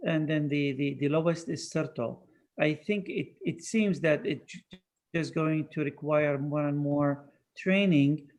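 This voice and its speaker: A man moderating an online Q&A session and explaining technical details in a measured way, speaking over a video call. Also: a little high, darkish tone. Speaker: moderator and project lead.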